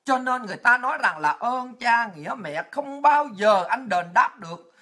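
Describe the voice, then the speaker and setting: A woman's voice: fairly high pitch, animated, normal speed, a bit bright. A woman with a Southern Vietnamese accent, delivering an angry, profane political rant as an online commentator. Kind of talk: ranting online monologue.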